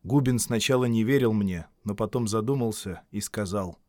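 A man narrating a literary story as an audiobook reader, in a measured, even storytelling manner. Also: fairly low pitch, dry recording, clean studio sound.

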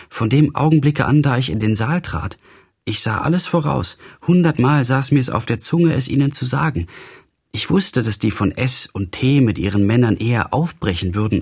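Tearful young noblewoman, pleading and earnest, lifted higher than the reader's own husky voice, as a male narrator puts her on. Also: a little mellow, lightly acted. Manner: pleading, emotional. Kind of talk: literary audiobook reading.

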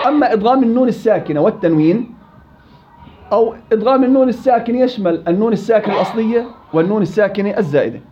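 A man with a Levantine Arabic accent teaching Quran recitation, quizzing students, praising answers and stretching out example words slowly. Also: high-pitched, lo-fi sound, noisy background. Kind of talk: classroom teaching.

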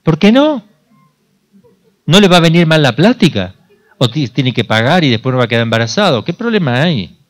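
Un sacerdote de Argentina que da una plática informal, le hace preguntas al público y recrea diálogos. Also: male voice, fairly high pitch, very animated, normal speed. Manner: conversational, asks the audience questions, acts out dialogues. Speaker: priest. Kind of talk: informal sermon talk.

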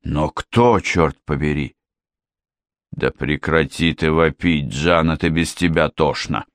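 A man voicing an irritable, blustering middle-aged father in an audiobook, speaking gruffly and snapping. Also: a bass voice, slow pace, no room sound. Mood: angry.

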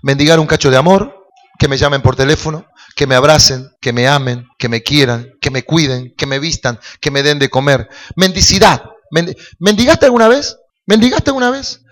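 Un pastor argentino con acento rioplatense que predica un sermón, hace preguntas al público y sube a gritos en las exhortaciones. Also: male voice, a little high, a little fast. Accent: Rioplatense Spanish. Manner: preaching with rising, shouting calls to the congregation; jokes and asks the crowd questions. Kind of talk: sermon.

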